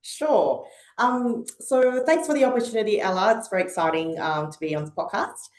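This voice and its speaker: A middle-aged woman from Malaysia and Hong Kong talks as a guest in a conversational podcast interview, thoughtful and full of ums and uhs. Her voice is mid-range and a little mellow at a moderate pace, recorded in an echoey room.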